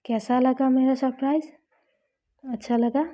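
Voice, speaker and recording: A woman's voice: sits high, flat delivery, a little slow, dark tone. A woman voicing a playful, affectionate young college woman who teases and coaxes her girlfriend, read out in a storybook. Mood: teasing. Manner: teasing, coaxing. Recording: slightly dull lo-fi recording.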